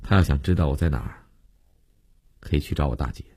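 A man voicing a troubled young woman who speaks softly and briefly. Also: a bass voice, fast talker, slightly rough, dry recording, studio quality. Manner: soft, brief and hushed.

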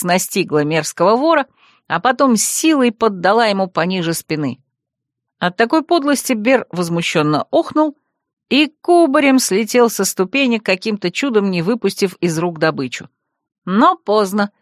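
A woman narrating an audiobook expressively, jumping high and loud for the heroine's outbursts. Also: normal speed, no echo, clean studio sound. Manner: lively, squealing high in heroine's lines.

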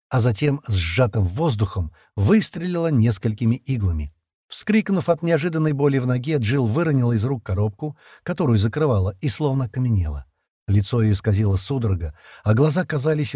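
Husky-voiced man narrating sci-fi. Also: medium pitch, warm tone, no echo, clean studio sound. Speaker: audiobook narrator.

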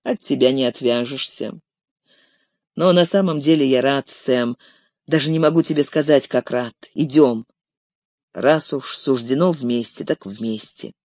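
A reader voicing a weary, resolute male hobbit on a grim quest, speaking low, calm and gently stern. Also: a little slow, no echo, clean studio sound, lightly acted. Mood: resigned. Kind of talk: audiobook character reading.

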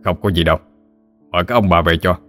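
Man voicing a stern older father, very deep, measured. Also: fairly bright tone, faint music behind.

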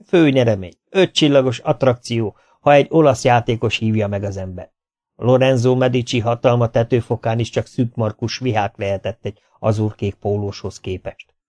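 A man reading a first-person humorous memoir as an audiobook, lively and expressive. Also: medium pitch. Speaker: audiobook reader. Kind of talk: scripted first-person narration.

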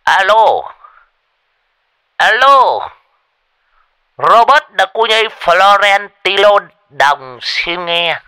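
A loud, goofy old man yells his boasts in a high, cracking voice, swinging wildly up and down, as a man puts him on. He laughs as he talks. The voice is close and dry. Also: lively intonation, extremely slow, long pauses, clean tone, no room sound, heavily acted. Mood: panicky.

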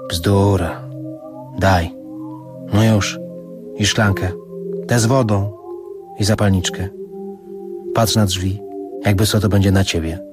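A man voicing a frail, stubborn old grandfather in a hospital bed, speaking slowly in a hoarse, halting whisper. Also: on the low side, fairly even intonation, over music. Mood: commanding. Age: older. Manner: slow, halting, muttering.

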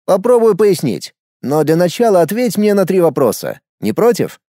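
A cocky, meddling young man who fancies himself an expert on women, as a male reader puts him on. His voice sits higher and swings lively as he needles and insists. The sound is dry and close, with a mellow darkness in tone. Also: normal speed, no echo. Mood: sly. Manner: sarcastic, insistent, teasing. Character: smug, nosy young man, self-styled ladies' expert.

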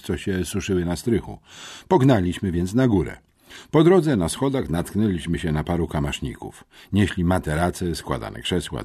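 A man reading a children's audiobook aloud in a lively, expressive storytelling manner. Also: deep voice, slightly rough. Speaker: audiobook narrator. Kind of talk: scripted narration.

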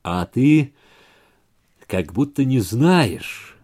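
A man voicing a furious, accusing male partner who snarls and shouts in a story reading. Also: medium pitch, animated, measured pace. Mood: angry.

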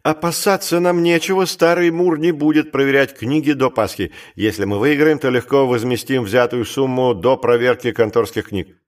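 A man voicing a bold, reckless male clerk and gambler who talks in a brisk, commanding way, in an audiobook. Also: mid-range voice, steady tone, lightly acted. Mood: scheming. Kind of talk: audiobook character reading.

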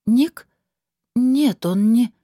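A woman's voice: medium pitch, lively intonation, unhurried, mellow, husky, no room sound, studio quality, voice pushed up. A woman reading an audiobook voices a frightened young heroine, tense and pleading.

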